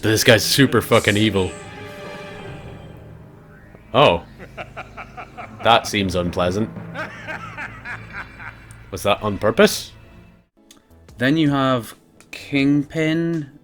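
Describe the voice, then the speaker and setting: A male game reviewer with a slightly low voice talks casually and sardonically, swearing freely. Some music runs behind him. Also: slow pace, pauses often, fairly bright tone. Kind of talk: casual comedic review commentary.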